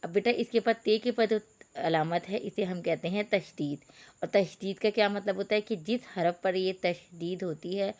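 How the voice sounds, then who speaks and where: A woman's voice: on the low side, a little mellow. Patient woman teacher spelling out letters. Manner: addresses pupils as beta. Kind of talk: online reading lesson for young pupils.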